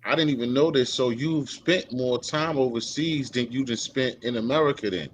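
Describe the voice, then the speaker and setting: A man's voice: medium pitch, normal speed, a little hiss or hum. A man hosting a casual interview, talking in a loose, rambling way with lots of fillers. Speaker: host.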